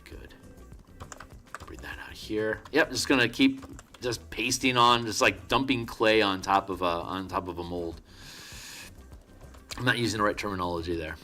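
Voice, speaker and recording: A man with a lowish, fairly level voice talks at a normal speed, pausing often, his tone sharp, with faint music in the background. He's an artist livestreaming his painting, chatting casually and murmuring instructions to himself as he goes. His talk is full of chatty asides and frequent restarts.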